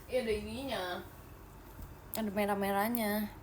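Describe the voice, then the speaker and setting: A young woman idol hosting a casual live stream, chatting quickly and giggling as she reads viewer comments and drops in English phrases. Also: medium pitch, fairly even intonation, darkish tone, a little hiss or hum. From Indonesia. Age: young adult.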